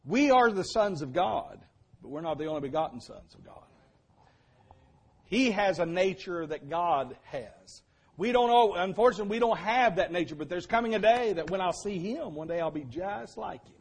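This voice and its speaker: An older man preaching a sermon, telling stories and building to fervent shouts. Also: high-pitched, expressive, normal speed, husky. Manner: storytelling, builds to shouting at climaxes.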